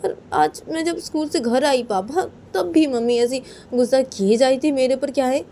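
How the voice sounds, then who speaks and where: A woman voicing a whiny teenage daughter who complains in a high voice. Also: normal speed, warm tone, a little hiss or hum. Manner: high, whining, repeats "kya hai".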